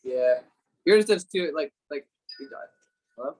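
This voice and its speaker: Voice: mid-range voice, animated, moderate pace, darkish tone, rough recording. A student on a video call giving brief, apologetic replies, heard through choppy call audio where the volume keeps dropping and jumping back. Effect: choppy call audio with uneven, dropping volume. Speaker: student in an online lesson. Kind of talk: casual talk on a video call.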